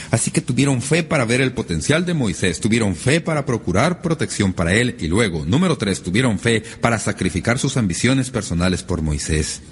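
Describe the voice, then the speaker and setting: A man with a fairly low voice delivers a sermon, his pitch rising and falling in a lively, animated way. He leans hard on key words with sudden upward leaps. A faint noise sits under the recording. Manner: lively, emphatic preaching with sudden rises in pitch. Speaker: pastor.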